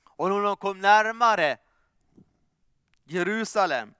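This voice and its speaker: A man delivers a fervent sermon in a high, smooth and resonant voice. He swings from ringing calls down to soft, hushed asides, and the sound is close and dry. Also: dry recording. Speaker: preacher.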